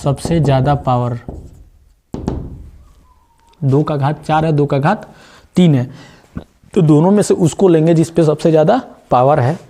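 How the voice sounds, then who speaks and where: A man teaching a math lesson in a loose, chatty way. His voice is dark and mellow, and he keeps checking that the students follow along, dropping in jokey asides. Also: on the high side, a little slow, long pauses. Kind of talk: chatty classroom lesson with side talks.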